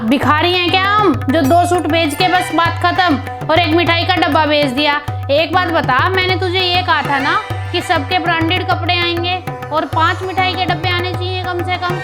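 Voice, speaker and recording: A woman's voice: very high-pitched, steady tone, normal speed. A woman voicing a greedy, scornful middle-aged mother-in-law who scolds and insults her daughter-in-law. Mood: angry. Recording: piano music behind.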